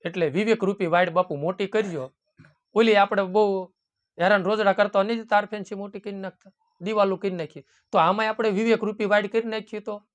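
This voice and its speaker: This man preaches a devotional sermon with a brisk delivery, a high-sitting voice and fairly even intonation. He's a folksy satsang preacher who quotes hymn verses and repeatedly addresses his listeners as "bapu" and "ram."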